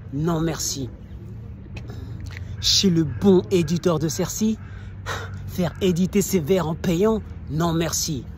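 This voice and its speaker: A man's voice: sits high, a little mellow. A male actor playing a proud, scornful poet-swordsman, declaiming a theatrical verse monologue in a hammy stage manner. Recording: noticeable background noise.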